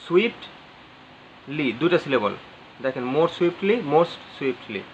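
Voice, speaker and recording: Man teaching grammar, slightly high voice. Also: moderate pace, fairly bright tone. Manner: spells words out letter by letter, repeats phrases, asks the viewers questions. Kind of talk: spoken grammar lesson. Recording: slightly dull audio with faint ambient noise.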